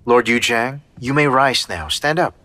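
A man dubbing a dignified young emperor who speaks in a measured, formal way. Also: medium pitch, crowd noise, natural voice. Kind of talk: English drama dub.

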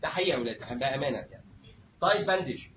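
Egyptian male lecturer, quick and high, jokey, muffled recording. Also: lively intonation, a bit bright, slight background noise. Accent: Egyptian Arabic. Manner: jokey, acts out little scenes, addresses students directly. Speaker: surgery lecturer. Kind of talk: lively classroom lecture.

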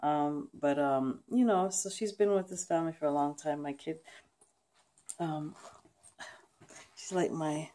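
Sad tired woman vlogging at home, lowish mellow voice, kinda halting. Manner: subdued, hesitant, halting. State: sad, emotionally weary. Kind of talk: personal emotional vlog, casual talk. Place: wood-panelled basement room at home, indoors. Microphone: handheld camera at arm's length.

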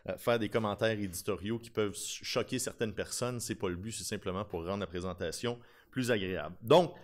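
A man in his thirties with a Québécois French accent speaks at a conference lectern. His voice sits a little low. He presents in an informal, talkative way into a podium microphone. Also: fairly quick. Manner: informal, talkative, with self-deprecating humour. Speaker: conference speaker, lawyer specializing in digital forensics. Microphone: podium gooseneck microphone.

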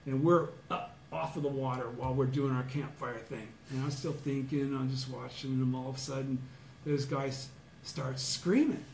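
Speaking to a small study group, a middle-aged Southern Californian man recounts a personal story, acting out things he once said and at times shouting or chanting. His voice is medium-pitched and steady, with vocal fry, at a normal speed. The room is echoey, with faint background noise.

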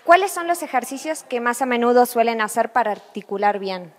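A woman's voice: a little high, expressive, a little fast, slight background noise. A woman reporter asking interview questions in a friendly, inquisitive way.

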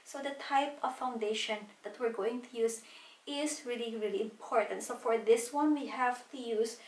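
High-voiced woman in an echoey room. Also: normal speed, a little mellow, far from the mic. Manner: chatty, walks through each product step by step. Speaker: beauty vlogger. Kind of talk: casual makeup tutorial. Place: small home room at a desk.

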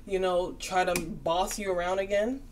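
A woman's voice: on the low side, steady tone, normal speed, darkish tone, a little hiss or hum. A tired woman giving a casual tarot reading, chatty and reassuring, often checking in with "okay?". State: tired, yawning. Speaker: tarot reader.

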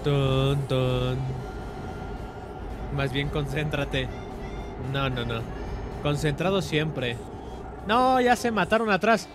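A young man with a Mexican Spanish accent, casually commenting on a driving game with joking, excitable outbursts. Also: a little high, takes it slowly, pauses often, music in the background. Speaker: streamer.

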